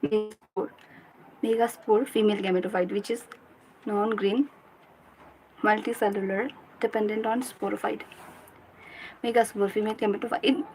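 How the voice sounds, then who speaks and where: A woman's voice: mid-range voice, steady tone, a little mellow, slight background noise, rough recording. A young Indian woman on a study live stream, who recites her notes over and over and chats with her viewers in between. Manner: repeats notes aloud in slow drills, then chats fast in mixed Hindi and English. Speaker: student livestreamer.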